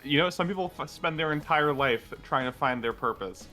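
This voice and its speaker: A male streamer with a bright, forward voice, chatting casually over a game and reading its lines aloud with a joking edge. Soft music sits in the background. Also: a little high, fairly quick. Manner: jokey, reads game dialogue aloud. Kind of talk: casual let's-play chat.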